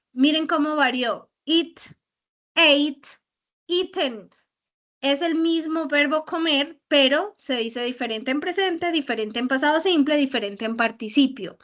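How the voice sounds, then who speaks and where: High-voiced woman teaching English grammar. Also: a bit bright. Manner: patient, explains slowly with repeated examples. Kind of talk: online grammar lesson. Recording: slightly dull lo-fi audio.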